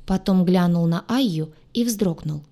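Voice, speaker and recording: A woman reading a first-person science fiction audiobook aloud, with a lively, ironic storytelling manner. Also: fairly low pitch, measured pace. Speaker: audiobook narrator.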